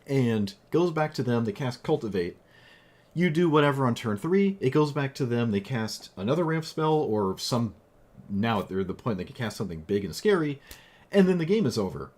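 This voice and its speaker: A man losing his voice after streaming for hours rambles casually about a card game deck, frequently restarting and correcting himself with lots of fillers. He has a mid-range, sing-song voice with a darkish tone and a moderate pace.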